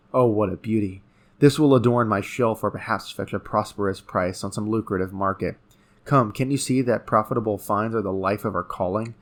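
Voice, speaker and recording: A man's voice: on the low side, close to an everyday voice. A man reciting as a gloating, contemptuous villain in an epic poem, pompous and oratorical in metrical dactylic verse. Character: gloating, contemptuous male French villain, a treasure-hunting rival.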